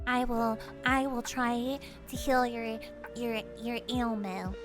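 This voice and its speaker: A woman voicing a gentle female dark angel who speaks slowly and formally. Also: on the high side, steady tone, music in the background. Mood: solemn. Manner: slow, grand, formal speech.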